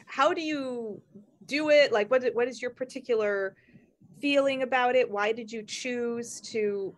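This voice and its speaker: Speaking at a measured pace in a slightly high voice, a woman hosts a casual podcast chat. She tends to ramble, laughing often and frequently starting her sentences over.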